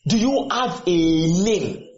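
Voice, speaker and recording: A man's voice: high voice, expressive, slow, darkish tone. A man preaching a sermon to students, firing questions at them and repeating his points. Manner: questioning, exhorting, repeats lines. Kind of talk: sermon with call and response. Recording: echoey room, dull lo-fi sound.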